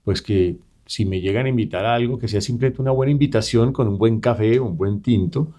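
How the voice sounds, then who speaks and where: Mellow-voiced middle-aged man. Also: on the low side. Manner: measured, earnest, explaining at length. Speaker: vice president-elect, guest. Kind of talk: radio interview answers. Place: radio studio.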